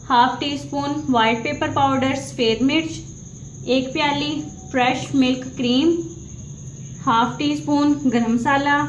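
A woman hosting a cooking channel, calmly narrating a recipe step by step as she cooks in a home kitchen. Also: high voice. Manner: calm, methodical, walks through each step. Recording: echoey kitchen with background noise.

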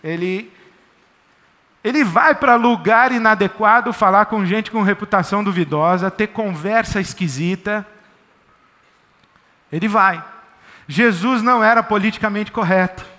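Pastor preaching, chatty and jokey, high bright voice, big echoey hall. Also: male voice, measured pace, pauses often. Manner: lively, conversational, jokey storytelling. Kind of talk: sermon. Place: church.

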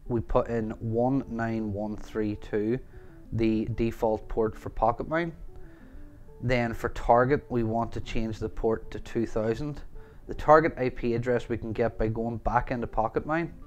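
A man's voice: mid-range voice, steady tone, unhurried, soft background music. A man with a Northern Irish accent narrating a step-by-step tech tutorial over a screen recording, casually repeating the same phrases as he walks through each setting. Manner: step-by-step, repeats "gonna wanna". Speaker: tutorial host.

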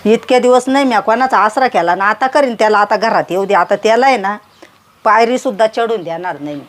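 A woman's voice: medium pitch, brisk, natural voice. A woman playing an indignant village woman ranting about an unwanted son-in-law. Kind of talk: comedy sketch acting.

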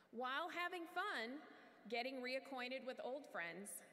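A middle-aged woman reads a warm welcome speech into a podium mic, her voice a bit high and measured with pauses. Long hall reverb trails her words, with faint noise underneath. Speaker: welcome speaker. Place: large convention hall stage. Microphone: podium microphone.

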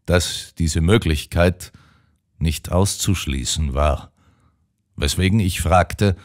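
A man narrating an audiobook in the first person with a measured storytelling delivery. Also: sits low.

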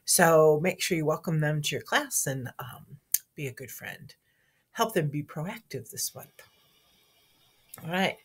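A woman with a slightly low, hoarse morning voice reads the school morning announcements to a camera. She talks in a friendly, chatty way aimed at young children. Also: animated, unhurried, long pauses. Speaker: school staff member giving announcements. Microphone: speaking to a camera.

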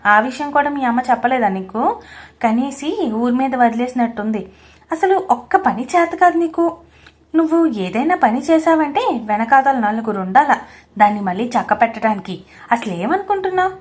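A loud, domineering mother-in-law, as a woman puts her on, who scolds and yells without letup. Her voice is high and pushed hard in this audio story. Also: close to an everyday voice. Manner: scolding, shouting. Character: shrill domineering middle-aged mother-in-law.

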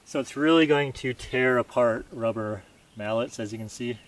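Out on open dirt ground in pine woods, a gear reviewer tests camping hammers, talking plainly and thinking aloud as he works. His voice is mid-range at normal speed, picked up by a distant camera mic with faint noise in this casual product test.

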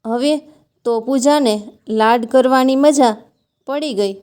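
A woman tells a heartfelt family story in a gentle, scripted narration. Her voice sits high and sounds smooth and resonant. She reads at an even, caring storyteller's pace. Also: takes it slowly.

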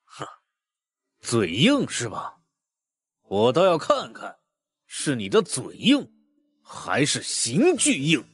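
A man voicing a stern, menacing interrogator who threatens slowly in an audio drama. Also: mid-range voice, huge pitch swings, slightly rough, full character voice. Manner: slow, threatening.

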